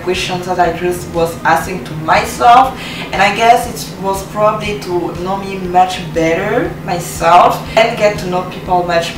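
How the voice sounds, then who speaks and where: A young adult woman from Cameroon, a native French speaker, chats casually to camera as a fashion vlogger in her apartment living room. Her medium-pitched voice is chatty, full of fillers, and she laughs at herself. The camera mic is far away, so there's roomy echo and background noise.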